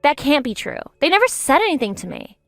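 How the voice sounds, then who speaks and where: A woman's voice: sits high, huge pitch swings, a little fast, gravelly, fairly bright tone, dry recording, studio quality, soft background music, full character voice. A woman voicing a selfish, spiteful wife in her fifties who turns defensive and self-pitying in a story drama. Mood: stunned.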